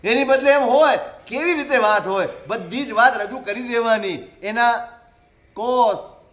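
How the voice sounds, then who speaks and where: Monk man preaching, talks high, chatty sermon w lots of questions to the crowd and dry little jokes. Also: measured pace. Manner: conversational, with rhetorical questions and gentle humor.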